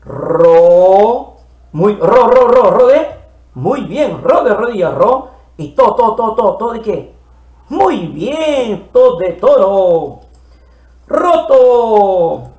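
A man teaching children to read, playfully sounding out syllables slowly and repeating them. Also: sits high, very animated, a little mellow, echoey room, lo-fi sound. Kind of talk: early reading lesson for children.

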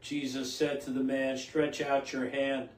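An older man, a priest, reads scripture in steady liturgical cadence and then preaches a homily at Mass, restarting phrases as he goes. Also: mid-range voice, a little slow. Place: small indoor home chapel. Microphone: camera a few feet away. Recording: roomy echo, distant from the mic.

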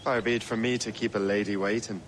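A man's voice: lowish voice, steady tone, fast talker, slight background noise, lightly acted. An actor playing a wry young male assassin recruit who jokes with his teachers. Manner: wry, joking.

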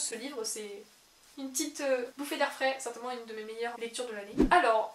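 A woman's voice: fairly high pitch, fairly bright tone. A young adult woman who runs a book channel, chatting casually and laughing often as she works through online quizzes. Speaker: book vlogger. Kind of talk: casual chat while taking online quizzes. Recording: echoey room with faint hiss.

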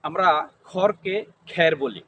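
A man's voice: fairly high pitch, animated, unhurried, fairly bright tone, a little hiss or hum. A man from Gazipur with a Gazipur Bengali accent, giving short answers in an interview. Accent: Gazipur Bengali dialect. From Gazipur, Bangladesh.

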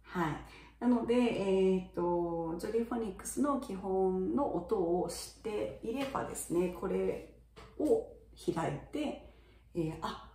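A chatty middle-aged woman teacher explains in a relaxed, friendly lesson, her pitch rising and falling a lot. Her voice is mellow and dark in tone, and it sounds roomy, as if the mic is a little way off. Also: unhurried, far from the mic. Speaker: English teacher for young children. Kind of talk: casual video lesson.

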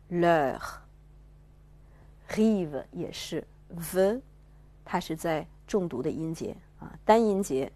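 A woman's voice: on the low side, dark tone. Patient woman teaching pronunciation. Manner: patient, explanatory, models words slowly. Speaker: French teacher. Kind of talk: pronunciation lesson.

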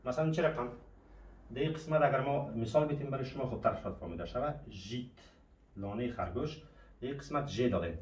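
With a mid-range voice and darkish tone, a male French teacher walks through a classroom lesson, patiently asking and answering his own questions. Echo fills the room, and the microphone is distant.

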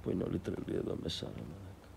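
A man streaming a game role-play, scolding and yelling at the others in character. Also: sits low, animated, gravelly, background noise. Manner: exasperated, scolding, often shouting.

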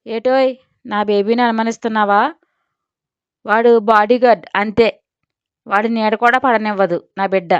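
A man's voice: sits high, steady tone, moderate pace, pauses often, smooth, dry recording. A woman voicing a vain, blustering middle-aged rich father who grumbles and scolds, in a Telugu audio story. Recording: dull lo-fi audio.

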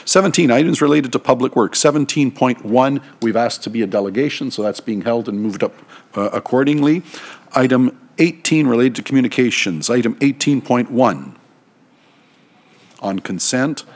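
A man's voice: medium pitch, lively intonation. Man chairing a council meeting. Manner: brisk, procedural, with restarts. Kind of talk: formal meeting procedure. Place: council chamber. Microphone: desk microphone.

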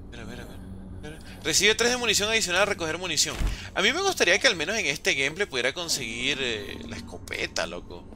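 A man casually commentating his gameplay, jokey and excitable, often exclaiming. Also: fairly high pitch, quick pace, noisy background. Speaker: gaming host. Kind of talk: let's play commentary.

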